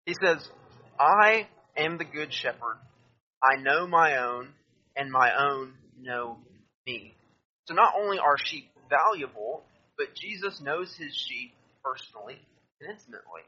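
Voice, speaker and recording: A man delivers a sermon with a bright, forward voice and a husky edge to it. He reads scripture aloud and explains it, asking listeners to turn to the verses with him. The recording sounds a little dull and lo-fi. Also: a little high, expressive, a little slow. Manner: addresses listeners directly, asks them to turn to verses. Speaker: preacher.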